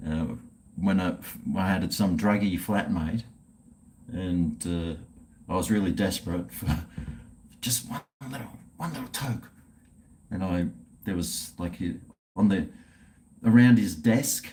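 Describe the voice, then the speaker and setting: A middle-aged livestream host with a fairly low, slightly mellow voice rambles casually while drinking beer. His manner is blokey, laid-back and full of swearing.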